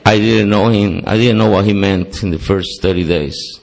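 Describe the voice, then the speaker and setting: Fairly low and creaky, with mostly even intonation, this man's voice moves at a normal speed. Originally a Spanish speaker from Costa Rica, with a Costa Rican Spanish accent, he gives an earnest testimony at a recovery meeting, sprinkling in self-deprecating humor. The setting is a meeting hall.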